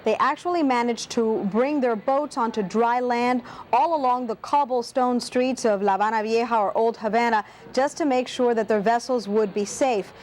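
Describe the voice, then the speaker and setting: A woman's voice: a little high, moderate pace, hardly any pauses, darkish tone, a little hiss or hum. A woman newsroom reporter delivering a scripted broadcast news report.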